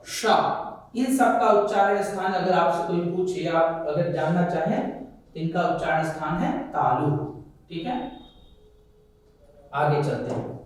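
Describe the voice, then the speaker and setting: A man with a high, light voice teaches pronunciation, going through each sound slowly and checking in with the class as he goes. His voice comes from some way off the mic and rings around a very echoey room. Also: a little mellow, recorded from a distance. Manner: explains step by step, often asks the class questions and answers them himself. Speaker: Sanskrit teacher.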